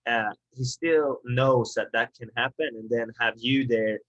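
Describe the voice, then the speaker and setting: A man hosting a casual video call interview, his voice coming through dull and lo-fi. He talks in a quick, chatty way at an ordinary pitch. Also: fairly even intonation, a bit bright. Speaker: interviewer and golfer. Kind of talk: casual conversation.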